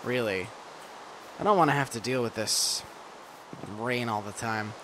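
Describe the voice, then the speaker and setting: Background noise sits behind an unhurried, mid-range voice as a let's play host plays a video game. The commentary is casual and playful, full of silly asides spoken to themself.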